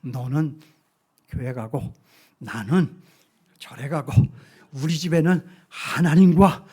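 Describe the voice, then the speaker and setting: A male pastor acting out his blunt, stubborn elderly stepmother, scolding in a shrill shout. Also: lively intonation, slow pace, husky, exaggerated voice.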